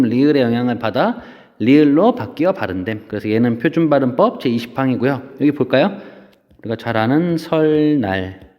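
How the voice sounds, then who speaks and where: Patient male teacher, reverberant lo-fi lecture. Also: medium pitch. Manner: patient, repeats terms, asks checking questions. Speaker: Korean language teacher. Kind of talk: recorded classroom lecture. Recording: dull lo-fi audio with long reverb.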